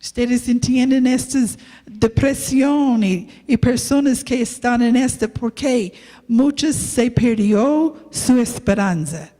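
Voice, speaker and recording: Slow woman preaching in echoey church. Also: fairly high pitch, dark tone. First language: English. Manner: slow, halting non-native Spanish with restarts. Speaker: missionary preacher. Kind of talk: sermon with personal story.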